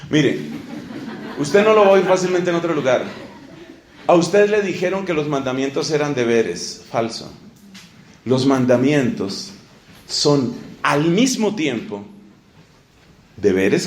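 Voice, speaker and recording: A man preaching a sermon, animated, swinging between loud emphatic lines and low asides, acting out little dialogues. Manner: acts out little dialogues in different voices. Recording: echoey room with faint ambient noise.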